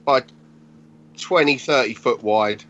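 A man in his forties, a graffiti artist guest on a podcast, telling stories in casual chat with animated energy and casual swearing. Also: medium pitch, slow. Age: 40s. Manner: animated storytelling, swears freely. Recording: dull lo-fi podcast audio.

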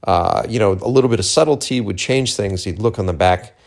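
A man's voice: on the low side, fairly quick, gravelly. A man from Cape Cod speaking in a casual, rambling monologue, candid and sweary with slangy asides. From Cape Cod, Massachusetts, USA. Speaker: filmmaker hosting a personal audio journal.

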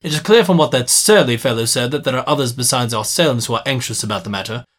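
Man playing a cool, shrewd gentleman detective. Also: medium pitch, lightly acted. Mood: musing. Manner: cool, measured, dryly confident.

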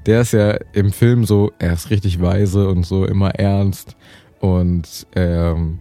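A young man in casual podcast chat, laid-back and slangy, pausing often with fillers. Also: low-pitched, steady tone, warm tone, dry recording, faint music behind.

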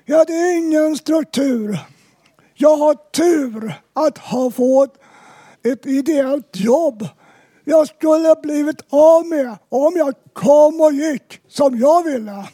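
Woman, high pitch, mellow tone, dry close sound, plain measured testimony. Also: no echo. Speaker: presenter at a community event. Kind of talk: personal testimony read aloud.

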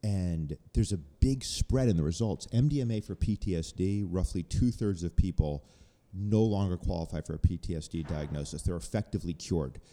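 A man's voice: deep voice, normal speed, few pauses, dark tone, in a large hall. A man in casual podcast chat, earnestly explaining research at length.

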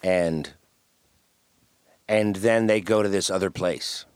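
A low-voiced man chats easily as a guest, rambling through stories and often starting sentences over. His voice sits close and dry on the mic, with no room sound around it. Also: slow, clear, resonant tone, no echo. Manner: relaxed, rambling storyteller with many restarts. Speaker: guest musician. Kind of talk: casual interview chat.

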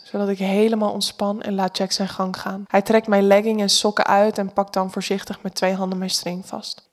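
A woman with a Dutch accent giving calm, intimate first-person story narration. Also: mid-range voice.

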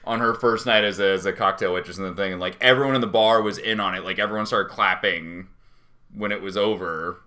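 Male co-host, lowish but bright voice, loose rambling anecdote delivery. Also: fairly even intonation, quick pace. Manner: rambling anecdote teller, many restarts. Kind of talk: casual chat.

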